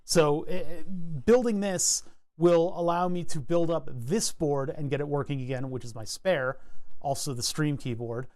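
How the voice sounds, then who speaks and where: At his home computer desk, a man livestreams as he designs a circuit board, talking casually, thinking out loud and frequently starting sentences over. His voice is on the high side with a darkish tone, moderate pace, and no room sound.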